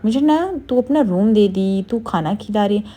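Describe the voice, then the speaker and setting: A woman's voice: medium pitch, expressive, unhurried, mellow. A woman doing a brash mocking young man. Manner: teasing, blunt, mocking.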